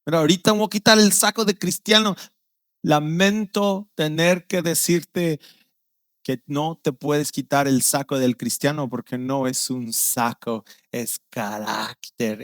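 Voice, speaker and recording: A male pastor with a Guatemalan Spanish accent preaching a sermon, telling stories with vivid acted-out voices and dropping low and quiet on serious points. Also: measured pace, dry recording. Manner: storytelling, acting out quoted voices with sudden loud outbursts.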